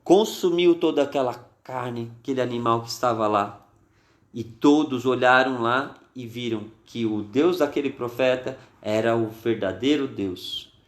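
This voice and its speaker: A man telling a Bible story to children on a live stream, animated and acting out the characters. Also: mid-range voice, unhurried. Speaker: children's minister. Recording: echoey room.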